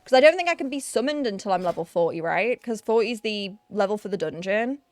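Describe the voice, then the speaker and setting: This young woman from Yorkshire, with a Yorkshire accent showing a bit of Newcastle influence, thinks aloud and chats while streaming an online game, often restarting and making fun of herself. Her voice is mid-range, animated, and fast, with no echo.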